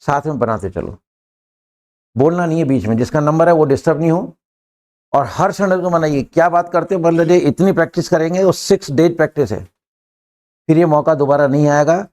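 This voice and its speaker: An older man teaching an English class in a classroom, brisk and joking, pushing students to answer quickly. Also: on the high side, a little mellow.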